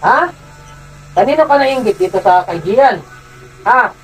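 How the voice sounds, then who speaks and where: A faith healer from Zamboanga City, a man who interrogates a spirit with insistent, repeated questions and sharp commands. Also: high-pitched, animated, a little slow, soft background music, rough recording. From Zamboanga City, Philippines. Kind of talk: healing session, interrogating a spirit.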